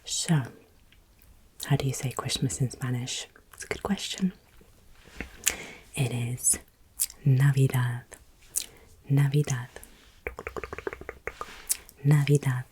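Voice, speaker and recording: A woman whispering softly as she teaches a Spanish lesson, slowly repeating words for practice while she shapes putty. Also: extremely low pitch. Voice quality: mostly whispering. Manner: shaping putty while talking. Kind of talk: whispered ASMR language lesson.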